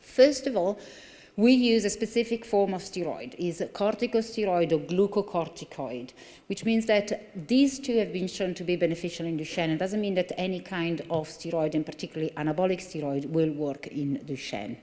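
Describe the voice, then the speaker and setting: An Italian woman, a consultant neurologist, gives a conference lecture from a lectern microphone in a large hall whose long reverb fills the recording. Her lowish voice is mellow and her pace moderate. She explains earnestly, with frequent fillers and restarts.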